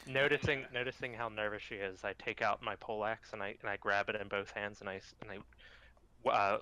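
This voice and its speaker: A man's voice: on the low side, fairly even intonation, brisk, bright, forceful tone, clear, resonant tone, rough recording. A young man playing a tabletop game, describing his character's actions with giggles. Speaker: player. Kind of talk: casual tabletop game chat.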